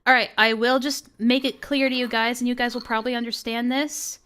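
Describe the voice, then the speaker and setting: A woman's voice: fairly high pitch, level tone, a little fast, bright, forceful tone, a little hiss or hum. A woman with a youthful, girlish voice hosting a casual livestream, chatting and swearing freely with friends. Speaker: livestream host.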